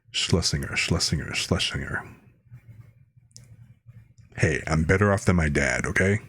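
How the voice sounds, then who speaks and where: Deep husky man telling rambling stories. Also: slow pace, long pauses, a bit bright, no echo. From United States. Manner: rambling, anecdotal storytelling. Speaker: streamer. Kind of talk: casual chat.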